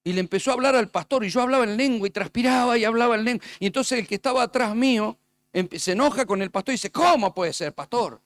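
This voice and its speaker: Male pastor, high voice, preaching with acted-out stories. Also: fast, a bit bright, dry recording, studio quality. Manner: storytelling preacher, acting out dialogue. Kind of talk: sermon.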